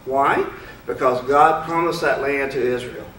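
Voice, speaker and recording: In a lecture room, a man gives an informal talk to an audience in a medium-pitched, slightly bright voice, unhurried and frank, posing many rhetorical questions. The mic is far off in a roomy hall, with slight background noise.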